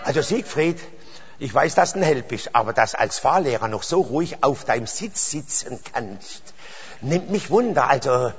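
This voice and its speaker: A man's voice: medium pitch, animated, normal speed. A man preaching a sermon into a handheld mic in a church hall, rambling through stories, then rising to fervent exclamations. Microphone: handheld microphone. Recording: dull echoey hall.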